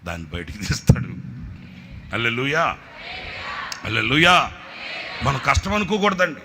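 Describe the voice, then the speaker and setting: A man preaching, telling a comic testimony in an animated storytelling manner with sudden shouted bursts. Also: medium pitch, normal speed, noisy background. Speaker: preacher sharing a ministry testimony.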